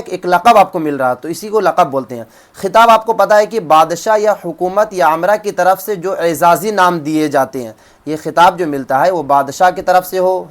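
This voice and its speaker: Man teaching, answering his own questions. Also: sits high. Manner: asks a question, then answers it himself; repeats each definition slowly. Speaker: Urdu teacher. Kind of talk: exam-prep lesson.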